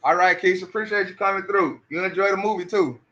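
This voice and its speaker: A man talking in casual commentary with a slightly high, bright and forceful voice. He stammers through restarts and keeps repeating rhetorical questions. The audio sounds a little muffled and lo-fi. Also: quick pace. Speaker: commentary streamer.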